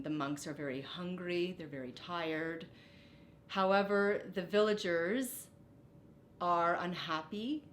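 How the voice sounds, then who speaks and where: With the careful, expressive delivery of a teacher, a middle-aged woman reads a storybook aloud and offers short asides to explain things. The room sounds echoey, and a faint rumble sits underneath.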